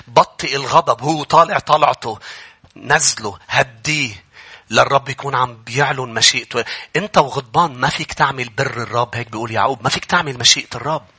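A man with a Lebanese accent preaching a sermon, swinging from loud declarations to hushed, repeated pleas. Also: medium pitch, husky. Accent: Lebanese Arabic. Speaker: pastor. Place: church.

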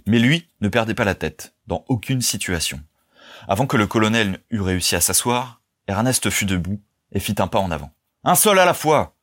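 A man reading a novel aloud as narrator, in a measured, even storytelling manner. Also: fairly low pitch. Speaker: audiobook narrator. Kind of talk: scripted narration.

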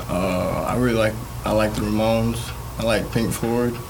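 A young man talks about his band in an earnest, rambling way. His voice is low and gravelly, and clear background noise runs under it. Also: steady tone, normal speed. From Mississippi. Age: young adult. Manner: earnest, rambling, with fillers and restarts. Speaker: band guitarist and singer. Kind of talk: casual interview answers. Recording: noisy background ambience.

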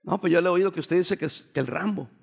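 A man's voice: high-pitched, fast, creaky, breathy edge, exaggerated voice. A man voicing a nervous, timid adult church brother who pleads hesitantly. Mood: pleading, wary.

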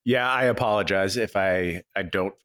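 A man chatting as a podcast co-host, recorded on an old microphone in a large high-ceilinged wooden kitchen that makes him sound echoey. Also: normal speed, a bit bright. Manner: chatty, playful complaining. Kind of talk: casual podcast chat.

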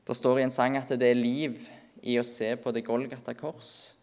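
A man preaching an earnest sermon at a church meeting, often slowing and softening his voice for emphasis. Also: medium pitch, flat delivery.

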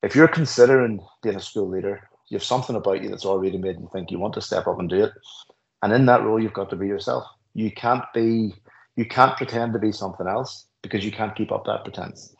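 The middle-aged Northern Irish principal talks fast, his lowish voice showing vocal fry on a lo-fi recording. In this reflective interview he tells anecdotes earnestly, often restarting what he's saying.

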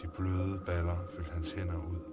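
A man narrating a scripted story in a calm, low-key way. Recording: music playing underneath.

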